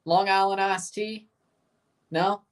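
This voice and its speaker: This American man's voice is high, steady, slow, clear and resonant. He's some way back from the microphone while hosting a watchalong stream, offering casual chat and match commentary in short, rambling, informal bursts.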